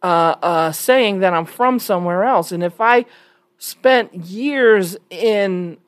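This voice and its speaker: A woman from New York with an American accent speaks at a medium pitch and takes her time. As an online commentator, she offers casual opinions in an emphatic, conversational style full of questions. The studio sound is clean, with no echo.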